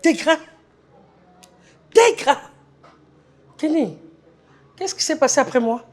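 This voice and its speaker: Speaking with a Congolese French accent, a middle-aged woman plays a grieving mother who calls on God. Her high, animated voice draws out wailing cries of a name.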